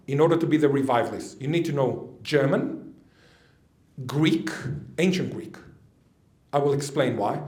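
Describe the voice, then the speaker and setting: In a reverberant lecture hall, a man raised in Israel gives a conference talk, chatting with the audience and tossing in jokes and asides. His voice is fairly high with a darkish tone.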